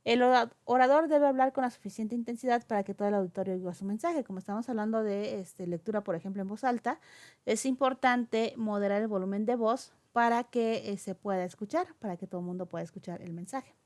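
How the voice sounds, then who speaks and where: A woman's voice: medium pitch, quick pace, darkish tone. A woman lecturing on oral communication, explaining step by step with frequent fillers and checking questions. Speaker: teacher.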